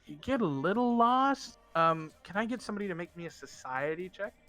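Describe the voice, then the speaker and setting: Casting: male game master, slightly high voice, halting informal narration, music underneath. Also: sing-song, bright, forceful tone. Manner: halting, informal, swears casually. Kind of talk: narrating and running a tabletop game. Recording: music behind the voice.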